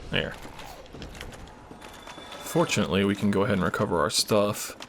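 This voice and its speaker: A gaming channel host with a lowish voice and moderate pace gives casual let's play commentary over a noisy background. He rambles and swears, coughing as he loses his voice.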